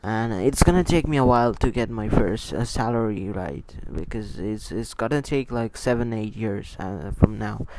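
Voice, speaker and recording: A low-leaning, animated male voice runs at normal speed with hardly any pauses against a noisy background, captured close to the mic. He commentates esports matches on a livestream as a non-native English speaker whose mother tongue isn't Hindi, repeating himself, digressing, and answering chat as he goes.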